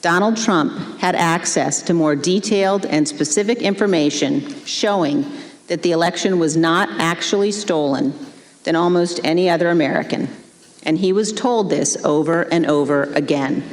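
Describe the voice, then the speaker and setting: A woman with a lowish voice makes a firm, deliberate statement at a formal hearing. A long reverb hangs over her words, as in a large chamber. She speaks as the committee chair.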